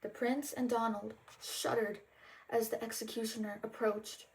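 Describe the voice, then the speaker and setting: A woman reading a children's storybook aloud in a deliberate, expressive way, as the host. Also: on the high side, poor audio. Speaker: storybook reader and channel host. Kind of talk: storybook read-aloud narration.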